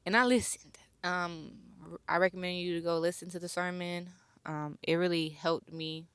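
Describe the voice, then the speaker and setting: A young woman hosting her own podcast, talking slowly and reflectively in a personal, heartfelt monologue and pausing to search for words. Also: lowish voice, steady tone, a bit bright, clean tone, no room sound. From born near Chicago, raised near Atlanta. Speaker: podcast host.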